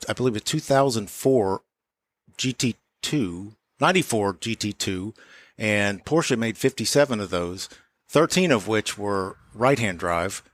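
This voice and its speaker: A man who owns a shop talks through car work in an interview, keeping it casual and to the point while stopping and starting again. He has a lowish, animated voice, and there's no echo.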